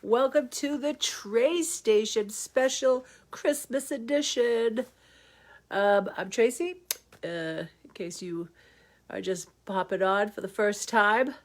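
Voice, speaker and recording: A woman's voice: a little high, slow. Storyteller host, middle-aged woman, nasal from the flu, bubbly, reads aloud for kids. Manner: chatty and bubbly, talking to kids. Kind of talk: reading a picture book aloud.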